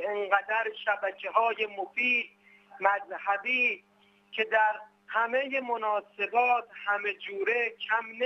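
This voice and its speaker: A man's voice: high-pitched, pushed and bright. A male caller on a phone line, complaining in a heated, accusing and insistent way. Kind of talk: angry call-in complaint. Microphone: telephone.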